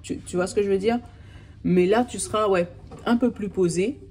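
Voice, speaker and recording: A woman's voice: mid-range voice, moderate pace, warm tone. A woman giving a casual, chatty tarot card reading, talking straight to the listener in a reassuring way.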